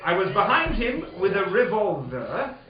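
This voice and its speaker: A man puts on a goofy, loyal doctor sidekick for a comedy radio play. The voice sits high and lively, silly yet earnest. It rings in an echoey live venue, a bit dull, with audience noise. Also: moderate pace, a crowd in the background. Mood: eager, earnest. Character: eager, goofy doctor sidekick, Holmes's loyal friend Watson.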